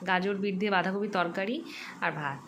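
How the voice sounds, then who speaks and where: A woman's voice: mid-range voice, fast talker, a bit bright, slight background noise. A young woman from West Bengal chatting casually to her viewers as she shows her home and daily routine. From West Bengal, India. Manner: chatty, showing things to viewers. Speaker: vlogger. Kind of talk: casual home vlog narration.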